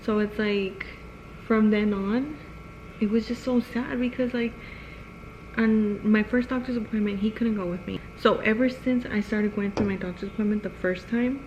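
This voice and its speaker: A young woman chats through a personal story in a loose vlog style, filling her sentences with "like" and acting out what people said. Her voice sits at an ordinary middle pitch. The recording is a little dull, with a faint noise underneath. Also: fairly even intonation, moderate pace, a little mellow. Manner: chatty, heavy use of "like", acts out quotes. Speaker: vlogger. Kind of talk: casual storytime chat.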